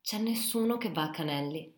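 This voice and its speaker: Woman voicing idle rich farm daughter, offhand and languid, soft, echoey audiobook. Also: deep voice, expressive, fairly quick. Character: young woman, spoiled landowner's daughter, idle.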